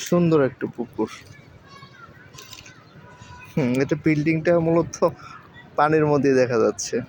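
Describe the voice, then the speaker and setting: Dad filming by a pond, soft coaxing baby talk to his kid, noisy outdoor sound, birds around. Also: a little high, a little slow. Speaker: father vlogging with his daughter. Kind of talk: casual outdoor vlog. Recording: outdoor noise, birds and ambience.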